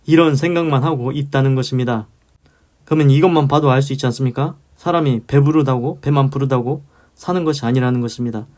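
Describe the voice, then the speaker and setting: A man's voice: mid-range voice, fast talker, darkish tone. A man teaching a devotional Bible lesson in a conversational way, often putting rhetorical questions to the listener. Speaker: preacher.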